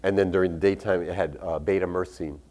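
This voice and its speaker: A male doctor who recommends medical cannabis gives a talk at an expo, mixing patient stories with advice. His voice sits on the low side, and his delivery is candid and loose, with casual profanity. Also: steady tone, fast talker, dark tone.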